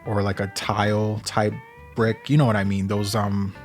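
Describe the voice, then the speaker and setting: A man's voice: lowish voice, flat delivery, moderate pace, soft background music. A man hosting his own vlog, chatting casually with a joking, sarcastic manner. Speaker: YouTuber reviewing a house. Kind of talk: casual chat.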